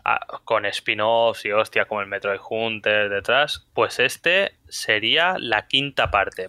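A man co-hosts a casual podcast, talking fast with frequent laughter. His voice is strikingly bright and sharp. It sounds close and dry, with no room echo. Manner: rapid, laughing, acts out friends in a high voice. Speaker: podcast co-host.

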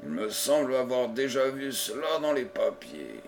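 A man's voice: medium pitch, very animated, moderate pace, a little hiss or hum. Man voicing a grumbling fake engineer. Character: panicky male impostor engineer, blunt.

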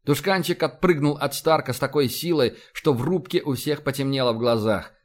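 A man's voice: medium pitch, brisk. Man narrating an audiobook. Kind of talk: scripted narration.

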